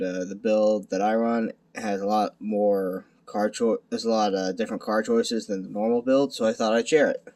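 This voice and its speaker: A young man speaking quietly at night in a hushed tone, giving a casual, unscripted card deck profile in a halting, self-deprecating way. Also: on the low side, creaky. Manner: halting, self-deprecating, stumbling over words. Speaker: amateur video creator presenting a card deck. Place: at home at night.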